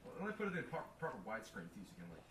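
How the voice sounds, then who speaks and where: A man hosting a podcast, excitable and swearing as he thinks aloud while playing a guessing game. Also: fairly low pitch, racing, very noisy. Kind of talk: casual chat. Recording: echoey room from far off.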